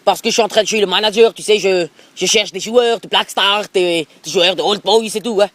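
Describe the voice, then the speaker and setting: A man's voice: high voice, a little fast, fairly bright tone, dry recording. A man playing a pushy, rambling middle-aged football coach with an Alsatian accent in a prank phone call. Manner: pushy, rambling, repeats filler tags. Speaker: prank caller. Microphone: phone held close to mouth.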